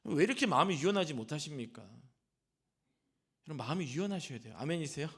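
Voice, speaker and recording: A middle-aged man, a senior pastor, preaches a Sunday sermon in a slightly higher voice. He talks conversationally, often turning to the congregation with rhetorical questions. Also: lively intonation, quick pace, husky.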